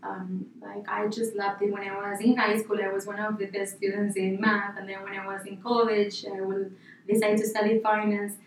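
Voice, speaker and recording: A woman's voice: mid-range voice, flat delivery, moderate pace, far from the mic, slight background noise. Argentine woman guest in an echoey room. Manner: rambling, casual, many fillers and restarts. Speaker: interior designer, guest. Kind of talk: podcast interview. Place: office.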